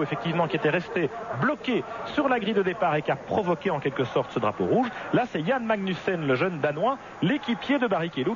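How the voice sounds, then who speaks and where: A man giving live motor racing commentary as the lead television commentator. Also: fairly high pitch. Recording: muffled broadcast audio, loud engine and track noise.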